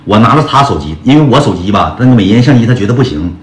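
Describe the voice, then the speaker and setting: A man's voice: on the low side, animated, very fast. A man casually tells a rambling personal story, full of slang and calling his listeners brothers. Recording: echoey room with guitar music.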